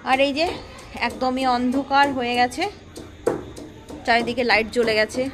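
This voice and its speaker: A woman's voice: high voice, steady tone, normal speed, music in the background. A woman with a West Bengal Bengali accent, chatting homely to viewers while filming her family home on a handheld phone. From West Bengal, India. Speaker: family vlogger. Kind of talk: casual vlog narration. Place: family home, indoors and on a rooftop.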